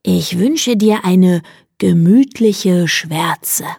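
A woman voicing a grumbling, thoughtful young fox in a bedtime story, speaking slowly and a little lower. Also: vocal fry, a little mellow, slightly rough, no echo, clean studio sound, full character voice. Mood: cozy.

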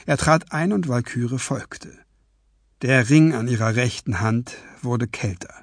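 A man narrating a fantasy audiobook in an expressive storytelling voice. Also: mid-range voice, takes it slowly, dry recording, clean studio sound.

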